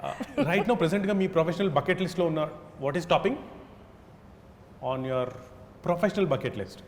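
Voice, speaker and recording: A man hosting an interview, asking quick rapid-fire questions in a playful, teasing way. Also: high voice, animated. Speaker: interview host. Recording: roomy reverb, faint background noise.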